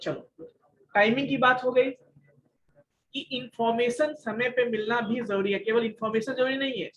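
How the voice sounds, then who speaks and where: A man's voice: extremely high pitch, fairly even intonation, normal speed, a bit bright, muffled recording. A male college lecturer teaching an online class, mixing English terms into his talk, explaining with everyday examples and asking his students questions.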